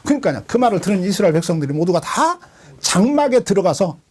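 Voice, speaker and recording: A male pastor giving a sermon in colloquial, storytelling style, retelling scripture with dramatic swings. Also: quick pace. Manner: animated storytelling, colloquial, dramatic drops in pitch.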